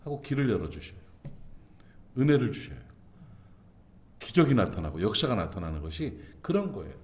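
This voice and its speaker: A man's voice: lowish voice, sing-song, fairly quick, a little mellow. A male pastor preaching an early-morning sermon in a church, with earnest delivery that suddenly rises and falls. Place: church sanctuary.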